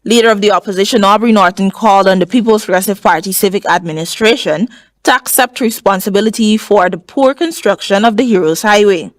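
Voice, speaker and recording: A woman news reporter narrating a report in a crisp, even way. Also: medium pitch, brisk, no echo.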